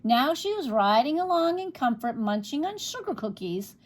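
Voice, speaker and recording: A woman reading a children's picture book aloud, expressive, with small slips and restarts. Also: sits high, normal speed. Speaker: storybook reader.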